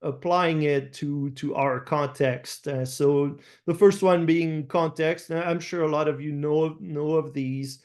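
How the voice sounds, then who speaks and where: Middle-aged French-accented man, fairly high voice, halting webinar talk, webcam sound. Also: steady tone. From France. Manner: halting, many "uh" fillers and restarts. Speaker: farmer presenting a webinar. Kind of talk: online presentation with slides. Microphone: video call webcam.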